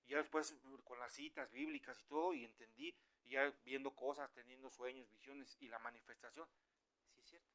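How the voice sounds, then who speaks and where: A man with a Mexican Spanish accent preaching an informal, conversational sermon, animated and acting out the voices of the people he quotes. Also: mid-range voice, brisk, gravelly.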